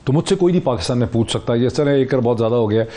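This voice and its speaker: A man's voice: mid-range voice, lively intonation, warm tone. A man hosting a political TV talk show, interjecting and asking probing questions.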